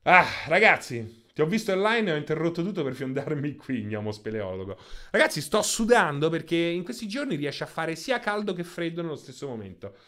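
A man chats live with his stream's viewers, swinging into excitable, profane rants. His voice is bright and forceful, pitched a little high, and he talks into a handheld microphone. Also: fairly quick. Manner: excitable, profane, ranting at chat. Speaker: video game streamer. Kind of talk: casual live-stream chat.

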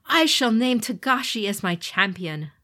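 A woman's voice: a little high, expressive, measured pace, sharp tone, voice pushed up. Imperious male god-king, as a woman puts him on, solemn, commanding, raised voice, storybook.

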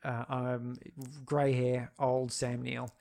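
A man with a neutral Australian accent co-hosting a casual film discussion, recapping scenes in a relaxed storytelling way. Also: mid-range voice, takes it slowly, gravelly. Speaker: podcast co-host.

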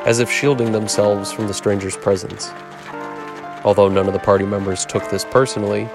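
A man narrating a fantasy adventure in a measured, descriptive storytelling manner. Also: lowish voice. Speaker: narrator and game master. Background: music.

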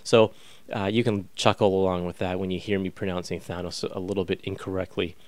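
Male podcast host, 30s, lower register, dry recording, casual and enthusiastic delivery. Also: flat delivery, brisk, no room sound. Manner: enthusiastic, informal. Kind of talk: casual chatty podcast hosting.

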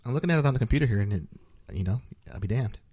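A male podcast host riffing casually into a close, dry mic. He jokes constantly, chuckles between lines and rambles through fillers, with a medium voice that sounds relaxed and at ease. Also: mid-range voice, racing, husky, no room sound. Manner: jokey, laughs often, loose filler-heavy talk. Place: small podcast studio.

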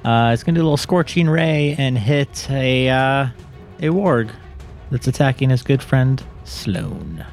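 Male player, halting and wry, faint music behind. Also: mid-range voice, expressive. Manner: hesitant, filler-heavy, wry. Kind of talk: tabletop game play.

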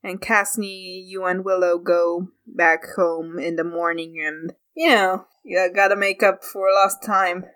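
A woman narrating as game master of a tabletop game, relaxed and halting. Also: lowish voice, rough recording.

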